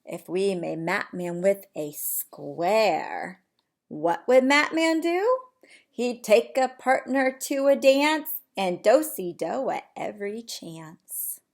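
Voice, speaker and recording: With a medium pitch, a slow pace and some vocal fry, a preschool teacher reads a picture book to young children. She's expressive and sing-song, and she often asks them questions.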